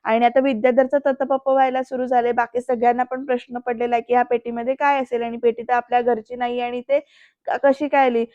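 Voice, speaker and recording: A woman's voice: fairly high pitch, little pitch movement, a little fast, dark tone, no echo. A woman doing a casual voice-over recap of a TV serial, chatting directly to the viewers and acting out the quoted lines. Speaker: serial episode reviewer. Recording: dull dry lo-fi voice-over.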